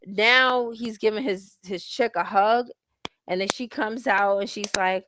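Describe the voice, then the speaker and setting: A woman's voice: mid-range voice, measured pace, fairly bright tone. Blunt, profane woman host over hiss. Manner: blunt, profane, heavy use of slang; lectures listeners directly. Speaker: host reviewing a reality show. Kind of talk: casual ranting commentary. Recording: hissy home recording.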